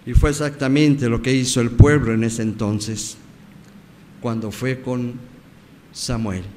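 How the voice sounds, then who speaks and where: A man with a Mexican Spanish accent preaching a sermon as pastor, swinging from loud emphasis to hushed words. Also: medium pitch, fairly even intonation, takes it slowly. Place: church sanctuary. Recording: church hall reverb, faint background noise.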